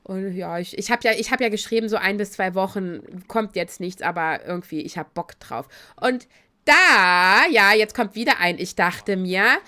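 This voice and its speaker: A woman's voice: medium pitch, normal speed. A woman gaming YouTuber chatting casually and animatedly through a Let's Play, her voice giving out because she is ill. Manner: animated, breaks into laughter. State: voice giving out from illness.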